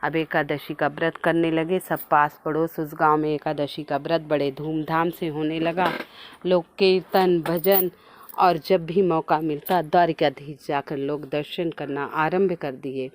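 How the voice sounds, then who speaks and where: Low-voiced woman telling a devotional tale. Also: level tone, a little hiss or hum. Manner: simple, unhurried storytelling. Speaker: storyteller. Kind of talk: devotional folk tale narration.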